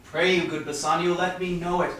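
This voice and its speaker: A man as high-pitched Antonio, distant, echoing. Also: little pitch movement, fairly quick, fairly bright tone. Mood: earnest, generous. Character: Antonio, generous, devoted merchant of Venice. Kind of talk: Shakespearean staged reading. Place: reverberant room, staged reading. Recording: echoey room, distant mic, faint noise.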